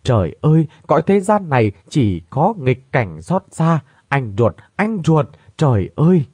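A man's voice: big pitch swings, unhurried, a little mellow, husky, dry recording, exaggerated voice. A man voicing an anguished young woman in a read-aloud story, crying out in shock. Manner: cries out in high, anguished tones.

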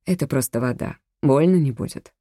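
An audiobook reader voicing a cold adult male killer who coaxes and threatens in a slow, low, soft voice. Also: no echo, clean studio sound, lightly acted. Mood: coaxing. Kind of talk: audiobook character reading.

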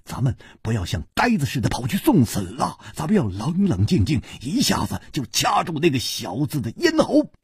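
A male storyteller voicing a boisterous, hot-tempered swordsman who talks loudly and scolds his friend. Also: a little high, huge pitch swings, moderate pace, few pauses, slightly rough, dry recording, clean studio sound, voice pushed up, exaggerated voice. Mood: scolding. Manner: loud, blustering, scolding.

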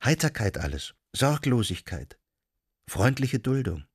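A man's voice: medium pitch, very animated, a little slow, husky, no room sound, clean studio sound, voice pushed up, heavily acted. A man voicing a young woman in an audiobook, gushing with rhapsodic enthusiasm. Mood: rapturous. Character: young woman rhapsodizing about her city.

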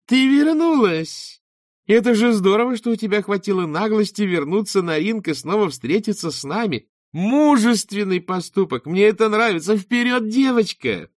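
A man voicing a shrill, pushy female TV show judge who screeches at everyone. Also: wildly swooping pitch, very slow, creaky, hardly any pauses, darkish tone, dry recording, studio quality, heavily acted. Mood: gushing. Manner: screechy, brash, aggressive.

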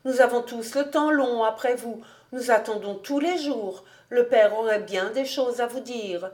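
A woman reading an audiobook, voicing a sweet, timid young farm girl who talks quickly and eagerly. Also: fairly high pitch, darkish tone, lightly acted.

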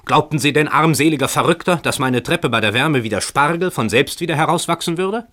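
A man's voice: lowish voice, expressive, moderate pace, pushed and bright. A man voicing a furious old landlord who screeches and splutters with outrage in a radio story reading.

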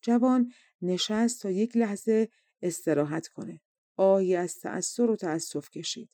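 A woman narrating a folk tale for an audiobook in a steady, measured storytelling manner. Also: medium pitch, no echo, clean studio sound. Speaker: audiobook reader.

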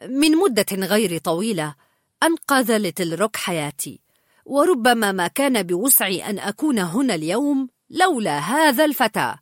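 A friendly young man from a storybook, reassuring and good-humored with his friends. A woman voices him with lively rises and falls in pitch. The recording is dry and close. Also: moderate pace, no echo.

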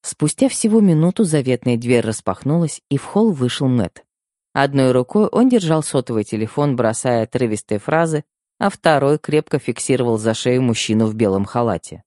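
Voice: medium pitch, expressive, moderate pace, a little mellow, no room sound, studio quality. An audiobook narrator giving an emotional first-person telling.

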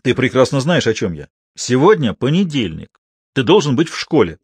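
A man voicing a stern, worried father in an audiobook, speaking gruffly and then deceptively softly. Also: medium pitch, big pitch swings, moderate pace, no room sound.

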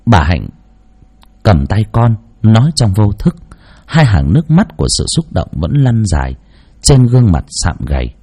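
A man narrating a heartfelt village story in slow, scripted storytelling. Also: on the low side, very animated, dark tone, husky.

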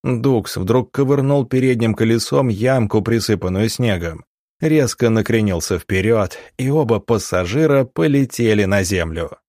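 A man narrating an audiobook with steady, dramatic storytelling. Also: lowish voice, moderate pace, dry recording, clean studio sound. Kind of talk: scripted narration.

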